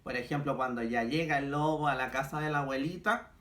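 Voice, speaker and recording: Casual: guy teaching little kids, slows right down on examples, bright voice. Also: medium pitch. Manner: slow, stretched-out examples for children. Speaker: school language teacher. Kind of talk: recorded class for young pupils. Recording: echoey room.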